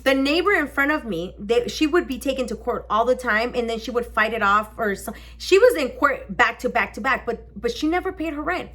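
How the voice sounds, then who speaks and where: A young woman vlogger telling a personal story in a casual, animated way, swearing often and acting out the people in it. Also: on the high side, a little fast, hardly any pauses. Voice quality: animated, swearing, acts out voices in her story.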